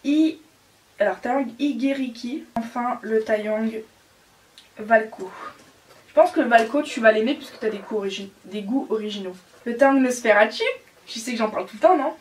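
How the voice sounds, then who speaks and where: A young woman around eighteen, chatting casually and hesitating often with fillers. Her voice sits a little high. She sounds a step back from the microphone. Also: moderate pace, a little hiss or hum. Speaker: doll collector channel host. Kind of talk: casual chat. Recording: distant from the mic.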